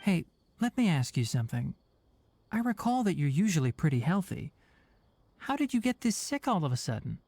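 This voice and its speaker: A voice actor playing a calm, brisk young male forest ranger and healer who is caring but firm. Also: on the high side. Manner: brisk, level-headed and caring. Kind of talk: video game voice acting.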